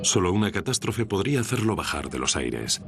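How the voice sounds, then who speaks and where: A man's voice: sits low, sing-song, fairly quick, creaky, very noisy. A man delivering scripted, dramatic narration as a documentary narrator. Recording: prominent music behind narration.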